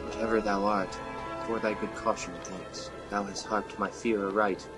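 A man's voice: fairly low pitch, little pitch movement, moderate pace, music in the background, close to an everyday voice. Macbeth, a man playing a demanding king. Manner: demanding, declamatory. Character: proud, fearful Scottish king demanding prophecy.

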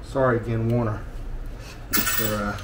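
A measured, flat-delivering man with a medium-pitched voice, American and in his fifties, hosts a vlog showing DIY in a small tiled living room indoors. He chats casually and thinks aloud with folksy jokes. The handheld action camera shifts distance, and the echoey room has clear background noise.

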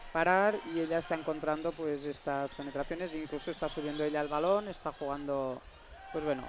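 A woman breaks down a basketball game as the color commentator. Her analysis is thoughtful but halting, full of fillers as she works through each point. There is faint noise behind her voice. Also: sits low, fairly even intonation.

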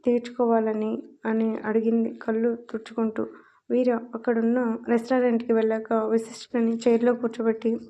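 Woman reading a story in a mellow monotone. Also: fairly high pitch. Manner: steady narration with small slips.

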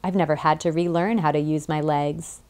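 A woman's voice: sits low, steady tone, moderate pace, darkish tone, natural voice. Audiobook: offhand squabbling male clone, woman narrator voicing him. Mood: unsure. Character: bickering male clone, dry and defensive.

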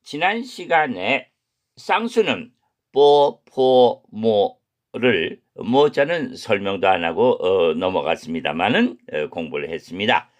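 A middle-aged man teaching pronunciation, his pitch swinging widely as he stresses each sound. He talks slowly and deliberately, repeating syllables over and over for the learner to copy. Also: very animated. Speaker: language teacher. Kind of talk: recorded pronunciation lesson.

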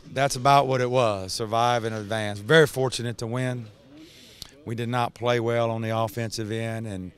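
A man in his sixties, a basketball head coach, giving a halting post-game interview full of restarts and fillers into a handheld mic in an empty indoor arena. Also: medium pitch, clean tone. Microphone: handheld reporter mic.

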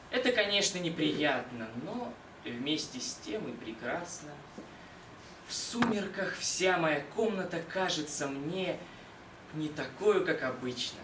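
Young guy acting a dreamy lovesick scholar, dramatic stage declamation, highish voice, roomy echo. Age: young adult. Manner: expressive, deliberate, with dramatic pauses. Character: dreamy, lovelorn, modest young male scholar in a stage play. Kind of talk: dramatic declamation, theatrical literary monologue recitation. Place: small indoor concert hall stage. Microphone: far camera. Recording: roomy, distant mic, noisy hall.

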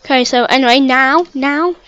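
A woman's voice: high voice, moderate pace, a bit bright. A woman giving casual, stammering narration of a let's play, repeating words and chatting to the game as she plays. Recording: dull lo-fi mic with faint hiss.

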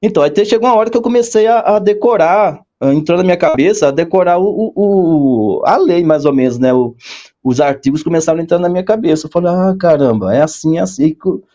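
A man with a fairly high voice tells his story in a chatty interview, leaping up in pitch whenever he acts out what someone said to him. The sound is a bit muffled and lo-fi. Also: fast. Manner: animated storyteller, acts out quoted dialogue with big pitch jumps. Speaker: guest, court clerk.

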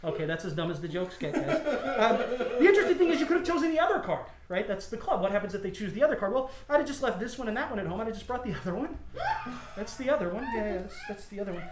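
A man in his thirties, a magic shop owner, talking casually about his shop and doing card-trick patter with playful, deadpan jokes. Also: high-pitched, racing, a loud crowd. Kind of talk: casual demonstration and interview. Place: inside a small shop, indoors. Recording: echoey shop room with faint background noise.

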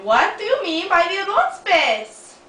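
A woman's voice: extremely high pitch, wildly swooping pitch, measured pace, pushed and bright, exaggerated voice. A young woman putting on a pushy fake-Russian girl. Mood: prodding. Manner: fake thick Russian accent, broken English; nagging questions, giggly. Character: loud pushy Russian girl, teasing and nosy. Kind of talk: improvised home comedy sketch. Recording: roomy, far from mic, faint hiss.

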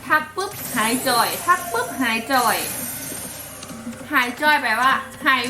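High-voiced giggly woman with Isan accent. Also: animated, a little slow, echoey room, distant mic, music in the background, low-quality recording. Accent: Isan (Northeast Thai). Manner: chatty and giggly, coaxing the game aloud. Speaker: online slot game streamer. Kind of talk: casual chat to viewers while playing.

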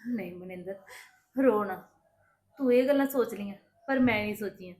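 A woman with a Punjabi accent playing a patient daughter-in-law who calmly reassures her sister-in-law. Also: mid-range voice, moderate pace, reverberant, lightly acted. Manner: calm, reassuring, explaining at length. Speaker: daughter-in-law in a family drama. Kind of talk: scripted family drama acting.

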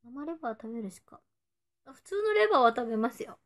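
Young female idol, twenties, slightly high voice, playful livestream chatter, drops into whispers now and then. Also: sing-song, fast. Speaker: idol streaming to fans. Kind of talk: casual livestream chat reading viewer comments.

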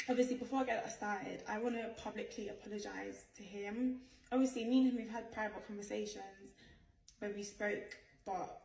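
A woman's voice: mid-range voice, vocal fry, darkish tone. A young woman giving a casual storytime apology to camera, defensive, exasperated and emphatic. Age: young adult. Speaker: person telling her side of a viral story. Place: small bright indoor room. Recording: roomy echo, distant mic, faint noise.

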